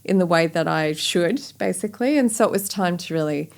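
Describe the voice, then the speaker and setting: A middle-aged Australian woman who founded a company chats frankly in a reflective interview, using lots of "you know" and "like." She speaks briskly, in a gravelly voice on the low side.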